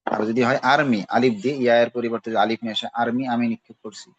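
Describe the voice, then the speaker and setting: A man's voice: mid-range voice, fairly even intonation, very fast, slightly rough, no room sound, muffled recording. A man teaching a class on Arabic grammar, patiently repeating each verb form with its meaning and checking in as he goes. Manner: checks in with "ঠিক আছে". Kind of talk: recorded class lesson.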